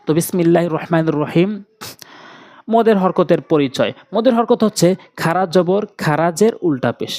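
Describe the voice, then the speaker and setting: A man with a Bangladeshi Bengali accent teaching Quran recitation step by step, slowly repeating and drawing out syllables in drills. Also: fairly high pitch, a little mellow.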